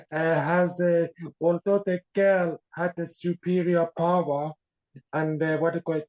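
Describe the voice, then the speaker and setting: A man from Iran, an author being interviewed, speaking haltingly with frequent fillers as he searches for words. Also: a little high, a little mellow. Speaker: author guest. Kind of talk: podcast interview. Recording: dull lo-fi sound.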